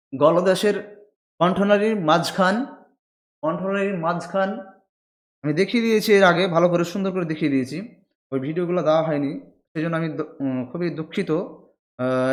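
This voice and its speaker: A man teaching Quran pronunciation in Bengali. He speaks patiently, repeats each letter slowly and stretches the sounds while explaining where the tongue and throat should sit. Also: on the high side. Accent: Bangladeshi Bengali. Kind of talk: pronunciation lesson with drawn-out letter demonstrations.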